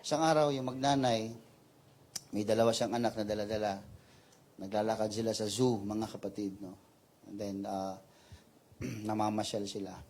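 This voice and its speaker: Pastor preaching a story. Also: male voice, steady tone, normal speed, long pauses, a little mellow. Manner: storytelling preacher, mixing Tagalog and English, pitch rising sharply in dramatic parts. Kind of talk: sermon.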